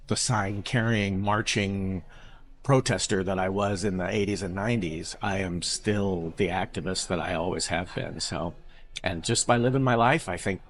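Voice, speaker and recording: A middle-aged man from Iowa, a drag performer speaking openly and earnestly in an interview, sometimes halting and restarting. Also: low voice. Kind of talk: candid interview talk.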